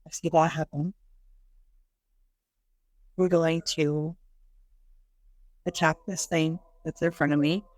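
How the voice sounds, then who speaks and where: A woman's voice: low-pitched, little pitch movement, slow pace, long pauses, darkish tone, dry recording. A woman playing a tabletop game, thinking aloud as she decides what her character does. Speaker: player. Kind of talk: casual tabletop play.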